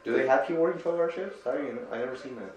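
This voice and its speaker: A man's voice: medium pitch, rapid-fire, darkish tone, reverberant, recorded from a distance, poor audio. A young man tossing out blunt, profane remarks in casual chat with friends.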